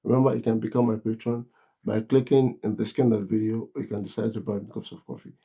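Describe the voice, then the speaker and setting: A man with a Nigerian accent talking casually to camera in a vlog, chuckling often and pausing on drawn-out fillers. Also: on the low side, level tone, creaky, dark tone, breathy edge. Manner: chuckles often while explaining. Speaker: vlogger.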